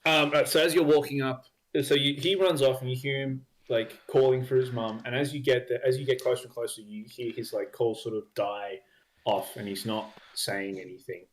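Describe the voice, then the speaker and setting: Young man, dungeon master, hesitant narration, filler words, even pitch. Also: moderate pace, a little hiss or hum. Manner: hesitant, many ums and likes. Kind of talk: narrating a tabletop game.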